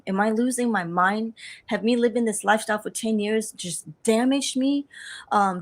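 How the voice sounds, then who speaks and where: A woman in her thirties giving an earnest personal testimony, with halting restarts and her own inner thoughts spoken aloud. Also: medium pitch. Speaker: survivor telling her story.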